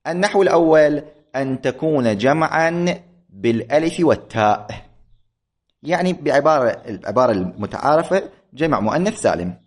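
A middle-aged man with a lilt leads a classroom lecture on grammar. He speaks at an ordinary pitch, patient and methodical, repeating each point and pausing to ask his students whether they follow. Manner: patient, repetitive, checks understanding with questions. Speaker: religious grammar teacher.

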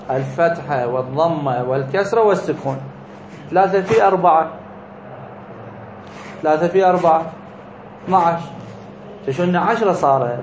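Male teacher, somewhat high voice, methodical explainer, slightly muffled echoey room sound. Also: a little hiss or hum. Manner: explains step by step, asks and answers his own questions. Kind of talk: grammar lesson explaining a text.

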